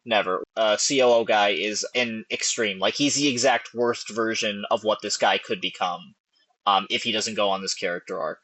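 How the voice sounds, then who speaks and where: Bright-voiced man talking movies. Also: lowish voice, normal speed, poor audio. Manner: animated, filler-heavy, restarts often. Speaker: podcast host. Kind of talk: casual film analysis chat.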